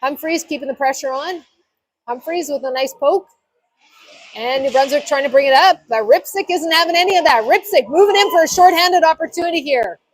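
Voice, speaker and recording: A woman with a high voice gives live hockey commentary. She calls the play in short, clipped phrases as a play-by-play announcer. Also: brisk, dry recording, poor audio.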